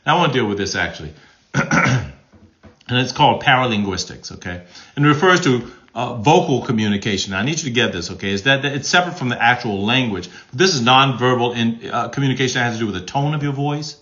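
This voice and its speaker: A man's voice: mid-range voice, fast, lo-fi sound. A man, a pastor, teaching relationship advice live to his viewers, answering their comments and acting out tones of voice as examples. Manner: animated, keeps checking in with the audience with "okay?".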